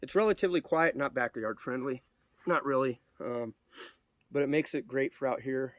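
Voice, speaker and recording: A man fighting a cold sniffles his way through a loose, rambling review of an air rifle at an outdoor shooting spot, often saying um and starting over. He has a medium-pitched voice, talks at normal speed, and there's no room sound.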